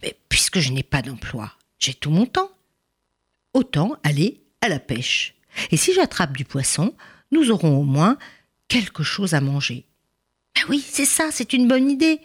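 A woman's voice: on the low side, big pitch swings, a little slow, husky, heavily acted. Figure: a woman doing a poor, eager father in a storybook. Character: poor jobless father, hopeful then eager.

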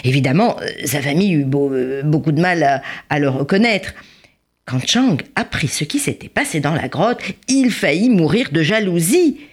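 Expressive, husky-voiced woman storyteller. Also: deep voice, normal speed. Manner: expressive, sing-song telling. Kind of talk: storybook narration for children.

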